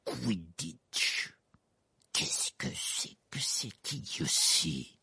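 A man voicing a blustering, irritable, heavyset middle-aged uncle who talks slowly and with strain. His voice is gravelly and husky. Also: deep voice, big pitch swings, bright, forceful tone, dry recording, voice pushed down, full character voice. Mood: indignant.

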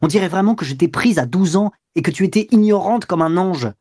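A man's voice: mid-range voice, normal speed, a little mellow, husky, lightly acted. A man voicing a brusque, cynical young lover who answers coldly and harshly in an audiobook. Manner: brusque, sneering.

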